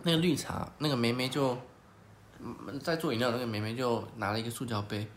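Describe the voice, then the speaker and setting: A man chats quickly and casually, telling a story and slipping into the voices of its characters. His voice sits at a middle pitch. The room is echoey, with a faint hiss behind him. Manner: animated, acts out quoted people. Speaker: podcast host.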